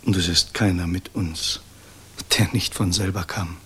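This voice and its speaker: With a low, slightly husky male voice that is steady and fairly bright, an actor in a 1960s radio drama embodies a grave German resistance idealist consumed by guilt. His delivery is solemn, deliberate and confessional, fervent with weighty pauses, and a little hiss or hum is audible.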